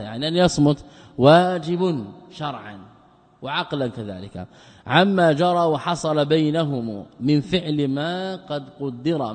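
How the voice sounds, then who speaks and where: A man's voice: medium pitch, darkish tone, long reverb tail. A man, a scholar, giving a religious lesson, reading quoted passages aloud and then explaining them, often repeating key phrases. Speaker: Islamic scholar teaching a text. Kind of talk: recorded religious lesson, explaining a text line by line.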